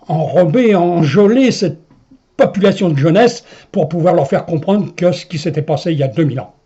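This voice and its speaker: A man's voice: on the high side, warm tone, husky. A man telling a personal story in a meandering way, with many hesitations and chuckles. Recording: dull lo-fi recording.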